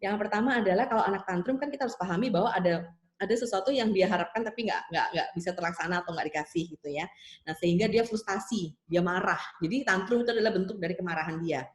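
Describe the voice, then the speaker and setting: Over a video call, a woman child psychologist answers a question in an online seminar, explaining step by step with many tag fillers and acting out soothing lines a parent might say. Her mid-range voice moves at a quick pace, and the room sounds echoey.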